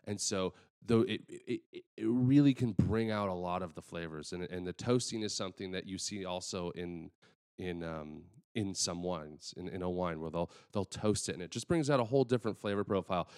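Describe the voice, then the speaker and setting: A man's voice: low-pitched, fairly quick, a little mellow, clear, resonant tone. Man, podcast co-host, casual chat, explaining, self-mocking.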